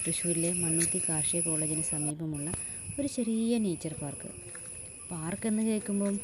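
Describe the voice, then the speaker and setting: A woman reading a scripted voice-over narration in a measured, explanatory way. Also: lowish voice, background noise.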